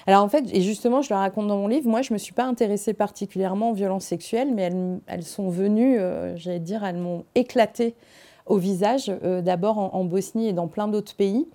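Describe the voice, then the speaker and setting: Earnest French woman guest, mellow voice. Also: medium pitch, fairly quick. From France. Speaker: guest, war crimes investigator. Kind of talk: studio interview answers.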